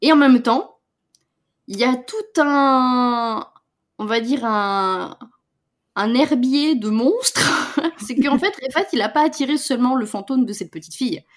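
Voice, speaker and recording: A woman's voice: high-pitched, measured pace. A woman co-hosting a podcast, talking casually about a TV series with many fillers and restarts. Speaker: podcast co-host reviewing series. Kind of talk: casual chat.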